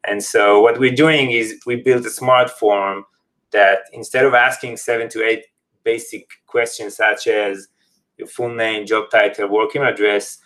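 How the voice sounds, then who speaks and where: A man's voice: fairly low pitch, steady tone, a little slow, fairly bright tone, low-quality recording. Man explaining in English. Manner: non-native English phrasing. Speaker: company representative, podcast guest. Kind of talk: casual interview, explaining a product.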